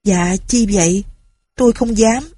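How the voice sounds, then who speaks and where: A woman's voice: mid-range voice, unhurried, mellow, husky, no room sound, pitched above the performer's own voice. A woman voicing a timid young village man who pleads fearfully. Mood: pleading.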